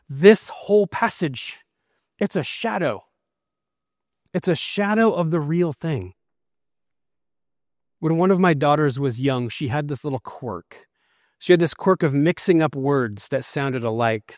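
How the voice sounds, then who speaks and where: A man's voice: fairly high pitch, no echo, studio quality. A middle-aged man preaching a sermon, reading scripture and telling personal stories in an earnest way. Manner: earnest storytelling preacher, reads scripture aloud. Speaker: pastor.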